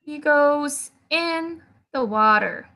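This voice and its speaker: A woman's voice: high voice, lively intonation, drawn-out words, creaky, bright, forceful tone. A woman reading interactively to young children in a broad, singsong children's theatre manner, encouraging them to repeat along. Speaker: children's story-time presenter.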